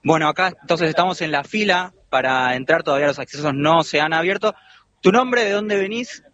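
A man with an Argentine Spanish accent files a live radio report from outside a stadium, describing the crowds in a relaxed, conversational way. His voice is slightly high, and the remote line sounds dull and lo-fi with faint noise. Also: fairly quick. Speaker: field reporter.

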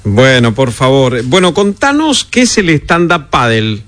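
A man's voice: mid-range voice, very animated, unhurried, a bit bright. A man with an Argentine Spanish accent hosting a live radio interview, friendly and a little hesitant. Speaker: radio host.

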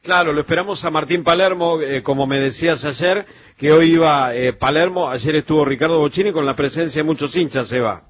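Chatty Argentine radio host, slightly high voice. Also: male voice, brisk. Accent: Argentine Rioplatense. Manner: joking and chatty. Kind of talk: casual radio chat with a reporter. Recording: dull lo-fi radio sound.

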